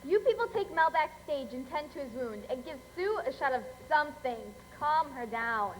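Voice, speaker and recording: A woman's voice: high-pitched, lively intonation, normal speed. A young actress in a school play as Connie, a bold young woman who takes charge in a crisis. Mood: determined. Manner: bold and commanding. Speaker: stage actor in a school play. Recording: echoey auditorium, faint noise.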